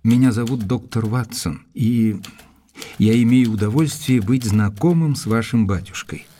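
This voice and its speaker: An actor playing Doctor Watson, a courteous, persistent gentleman, narrating and speaking in a measured, formal way in an audio drama. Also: medium pitch, slight background noise, close to an everyday voice. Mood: polite, probing.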